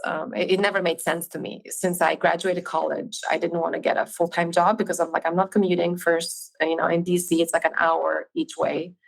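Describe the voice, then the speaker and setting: A woman with a fairly low voice and a gravelly edge is a guest on an interview podcast. She states her opinions directly and with emphasis. She is speaking over a video call. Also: level tone, brisk, few pauses, poor audio. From Albania. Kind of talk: casual interview chat.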